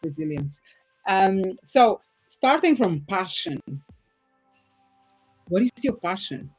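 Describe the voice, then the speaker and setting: Hosting a relaxed podcast interview, a Portuguese woman speaks slowly in a husky, mid-range voice that's very animated. She's enthusiastic, laughs often, and makes occasional slips in her non-native English. Soft music plays behind her on a rough recording.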